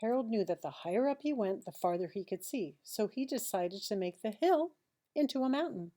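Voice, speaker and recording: Mellow-voiced woman reading a storybook aloud. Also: medium pitch. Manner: expressive, dramatic pauses and hushed asides. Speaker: teacher reading a picture book aloud. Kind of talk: children's storybook read-aloud with asides.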